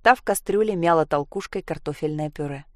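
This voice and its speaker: A woman narrating a story in an even, measured reading. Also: deep voice, no echo, studio quality.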